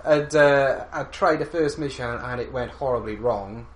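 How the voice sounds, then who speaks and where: A man's voice: mid-range voice, moderate pace, a little hiss or hum. A man co-hosting a casual podcast chat, speaking hesitantly with many restarts. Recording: echoey room.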